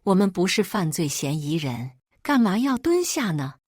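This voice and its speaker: A woman voicing a dignified older man who speaks calmly and firmly, in a storytelling reading. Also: on the low side, moderate pace, dry recording, studio quality. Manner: calm and firm. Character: calm, dignified older man, upright official.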